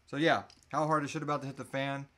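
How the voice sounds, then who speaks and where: A loose, joking man in his thirties co-hosts a podcast, answering listener questions in a casual live Q&A and swearing casually. His medium-pitched voice moves little in pitch, comes quickly, and sounds a bit bright. It's recorded in a small indoor room.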